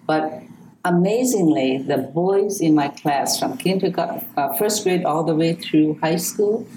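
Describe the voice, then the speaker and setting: A warm, animated, low voice belongs to an older woman from Hawaii, a poet with a Hawaiian accent who reads poems and reminisces about her childhood during an interview. She tells her stories slowly and reflectively, and the low-quality recording has slight background noise.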